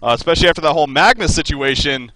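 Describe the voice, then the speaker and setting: Fast, bright-voiced male game caster. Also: a little high, no echo, poor audio. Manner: hedging, talkative analysis with many fillers. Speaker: esports caster. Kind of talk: live game commentary. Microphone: headset over voice call.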